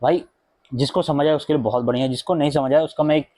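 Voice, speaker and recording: A young man talks through a book review in a relaxed, rambling vlog, sliding between Hindi and English and filling pauses with ums and asides. His voice sits a touch high for a man, and the sound is close and dry, with little room echo. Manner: chatty, mixing Hindi and English, many fillers and asides. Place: indoor room at home with a fan running.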